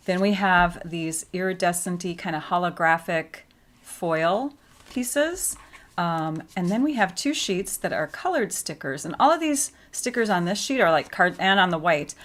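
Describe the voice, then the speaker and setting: A woman's voice: on the low side, fairly bright tone. A woman giving a casual paper-craft tutorial, chatty and explaining each step with frequent fillers.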